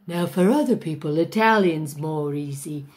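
In a comic character monologue, a woman with a low voice and moderate pace, lightly acted, plays a vain, pompous aging stage diva. Teaching a mock masterclass, she drawls grandly and self-importantly in a grandiose mood.

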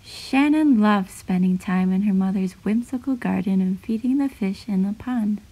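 A woman reading her own children's picture book aloud in a gentle, clear, even storytelling voice. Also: medium pitch, moderate pace, rough recording. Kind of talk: storybook read-aloud narration.

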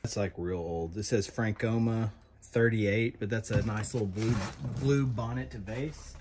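A man, chatting excitedly and rambling as he unpacks boxes in a cluttered storage room. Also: fairly low pitch, a little slow, noisy background. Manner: excited, rambling, talks to viewers as y'all. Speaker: storage unit reseller host. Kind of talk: casual unboxing chat.

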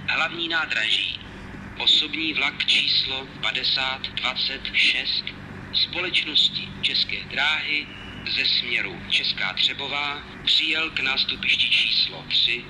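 A man making formal, measured, pre-recorded railway announcements in segmented phrases over a station public address system. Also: mid-range voice. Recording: noisy station loudspeaker recording.

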